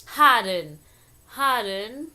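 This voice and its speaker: A woman from Trinidad with a Caribbean Trinidadian accent, explaining things casually like a vlog host in a playful, jokey, expressive way. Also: a little high, extremely slow, slight background noise.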